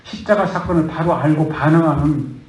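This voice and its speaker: A man's voice: fairly high pitch, normal speed. A male pastor preaching a sermon, telling a story and then urging his listeners with rising fervor. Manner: rising to fervent, urgent exhortation. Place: church. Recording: roomy church hall.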